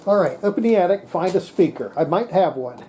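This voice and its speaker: Exasperated at her repair bench, this radio repair video host mutters to herself casually and swears mildly. Her voice is on the low side and dark in tone, expressive and fairly quick, with slight background noise.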